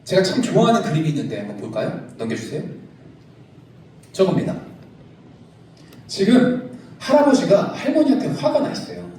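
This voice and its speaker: A middle-aged man preaches to a young congregation, his fairly high voice jumping up and down as he jokes and teaches. He sounds some way from the mic, and the big sanctuary rings with a strong echo under a faint hiss. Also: normal speed, long pauses. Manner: lively, joking with the congregation. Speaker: pastor. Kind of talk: youth service sermon. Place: large church sanctuary. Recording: echoey church hall, from a distance.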